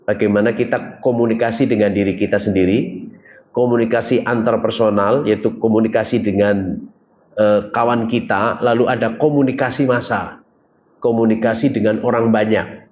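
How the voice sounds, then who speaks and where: A man's voice: on the low side, fairly even intonation, normal speed, a little mellow. A man preaching a casual religious lecture, asking the audience questions and joking with them. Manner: conversational, jokes with the audience, asks them questions. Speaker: Islamic preacher. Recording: dull lo-fi recording with faint ambient noise.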